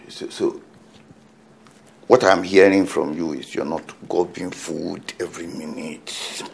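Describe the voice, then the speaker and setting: An actor playing a teasing, flattering male family friend. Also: sits low, slow, vocal fry, exaggerated voice. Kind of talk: film acting.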